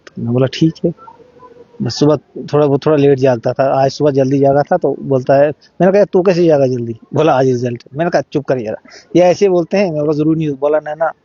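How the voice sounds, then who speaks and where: A middle-aged father telling his story in an interview, halting and repeating words while he acts out what each person said. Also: mid-range voice, mellow, breathy edge, dry recording, lo-fi sound. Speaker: interviewee, father of the deceased boy. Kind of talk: emotional first-hand account in an interview.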